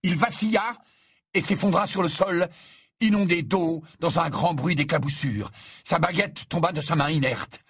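A man reading an audiobook aloud in an expressive, dramatic way. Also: a little high, moderate pace, breathy edge, no echo, studio quality. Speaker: audiobook narrator. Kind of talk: scripted narration.

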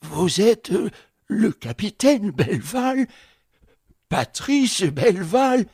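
A man voicing a frightened old concierge who stammers and asks shrill, disbelieving questions, in an audiobook reading. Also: sing-song, slow, darkish tone, husky, dry recording, studio quality, heavily acted. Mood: incredulous. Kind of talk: audiobook character voice.

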